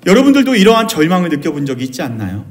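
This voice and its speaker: Male pastor, sermon delivery, high and very animated, swings from cries to near-whispers. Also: rapid-fire. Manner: dramatic, swinging from loud cries to hushed low phrases.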